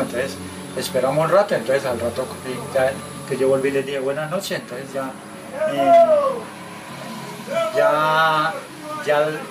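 Colombian guy telling his story in a recorded clip, kinda far from the mic, music playing under him, lots of pauses and restarts. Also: fairly high pitch. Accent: Colombian Spanish. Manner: hesitant storytelling, quoting dialogue. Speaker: witness caller. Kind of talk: recorded testimony.

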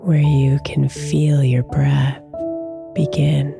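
Sleep story narrator, female: extremely slow, gravelly fry, soothing, partly whispered. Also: rumbling low, little pitch movement, music in the background.

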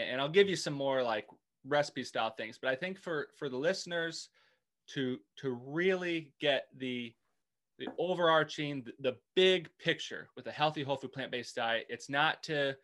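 A man's voice: mid-range voice, normal speed, fairly bright tone. A man as a guest in a casual interview, hesitant and full of restarts. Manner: hesitant, many restarts and fillers.

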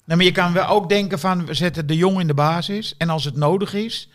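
A man's voice: high voice, brisk. A man hosting a casual podcast chat, asking short questions and dropping in brief remarks.

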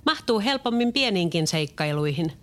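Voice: mid-range voice, animated, natural voice. Smug magical fox, near the reader's own voice, voiced by the narrator. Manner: smug, proud. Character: proud magical green fox.

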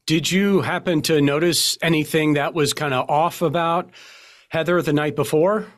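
Male podcast host, slightly high voice, short prompting questions. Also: fairly even intonation, moderate pace. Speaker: podcast interviewer. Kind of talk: interview.

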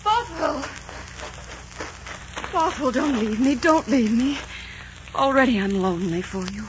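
A woman's voice: high-pitched, lively intonation, unhurried, noisy background. An actress playing a young, romantic, passionate queen with melodramatic regal delivery in a 1940s radio drama. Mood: pleading. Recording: dull 1940s radio broadcast recording.

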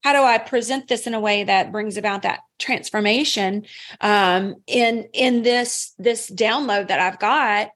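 A woman's voice: a little high, fairly bright tone. A woman hosting her podcast, responding and sharing her own story in casual faith-based conversation with playful asides. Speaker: podcast host.

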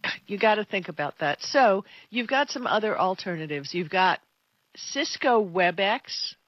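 A woman's voice: medium pitch, expressive, moderate pace, dry recording, highs cut off. A woman co-hosting a tech talk show, chatting casually and giving her opinions in an emphatic, conversational way. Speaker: tech radio co-host.

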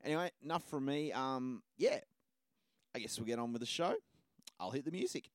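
A man's voice: medium pitch, lively intonation, brisk. A man hosting a podcast in a casual, rambling, self-deprecating way. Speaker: podcast host.

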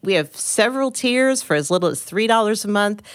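An upbeat woman co-hosting a podcast, laughing often as she chats. Her intonation is lively and her voice sits in the middle of the range. The sound is dry and close to the mic. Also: medium pitch, a little fast, dry recording. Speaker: podcast co-host. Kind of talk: casual podcast chat.

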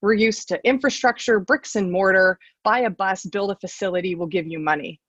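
A woman executive being interviewed from her home over a computer call, speaking in a measured, plain-spoken way. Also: mid-range voice, fairly bright tone, husky, dry recording, lo-fi sound. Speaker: transit agency CEO guest. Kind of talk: remote interview.

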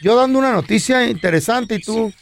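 A man's voice: very high voice, expressive, fairly quick, vocal fry, noisy background. A man with a Mexican accent hosting a comedy radio show, telling a story in slangy, dramatic, teasing style.

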